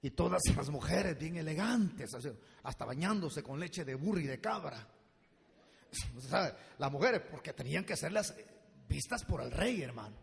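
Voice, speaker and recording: A male pastor preaching a sermon in an animated style, swinging from low asides to loud shouts and calling his listeners brother and daughter. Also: normal speed, gravelly. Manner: addresses the congregation directly as brother and daughter. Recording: long hall reverb.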